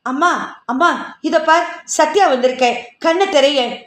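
A woman's voice: sits high, moderate pace, fairly bright tone, voice pushed up. A woman voicing a frightened young woman who pleads and sobs, read in a roomy space. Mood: tearful. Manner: pleading, sobbing.

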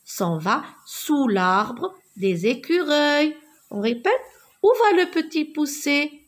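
A woman teaching young children to read, slowly repeating words and sounding out letters. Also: high voice, lively intonation. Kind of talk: reading lesson for young children.

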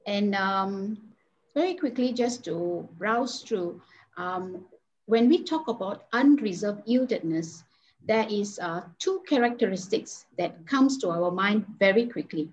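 A woman leads a devotional session over an online call, stopping often to restart her sentences and fill pauses. The sound is a little dull and muffled, and a faint hiss runs underneath. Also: mid-range voice, lively intonation. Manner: hesitant, with frequent fillers and restarts. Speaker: Bible study speaker. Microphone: video call.

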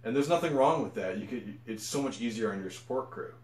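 A man's voice: medium pitch, lively intonation, brisk, a little mellow, echoey room. A man talking casually to camera about running challenges, rambling and correcting himself as he goes. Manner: rambling, self-correcting, enthusiastic. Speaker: ultra runner vlogger. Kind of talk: casual unscripted monologue.

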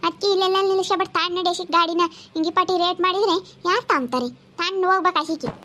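A woman's voice: very high voice, bright, forceful tone. A woman playing a scolding village woman, haggling over vegetable prices. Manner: nagging, rapid-fire scolding. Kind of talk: comedy sketch acting.

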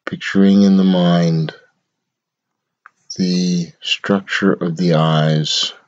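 A man guides a meditation in a measured, instructional way, using short phrases separated by long pauses. His voice is low and steady, and the recording has its highs cut off.

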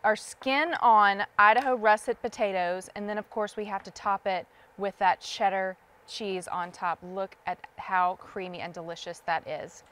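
A woman from the States, a guest on a TV shopping show, warmly listing ingredients and gushing over her family's food in a studio kitchen. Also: medium pitch, steady tone, normal speed, clear, resonant tone. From Southern United States. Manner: enthusiastic, lists ingredients, gushes over the food.

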